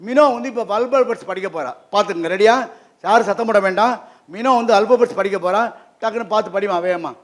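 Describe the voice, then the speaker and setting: A man giving an interactive lesson to children in a library hall, keeping them engaged with quick questions. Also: sits high. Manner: lively, keeps quizzing the audience with quick questions. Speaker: guest presenter at a children's program.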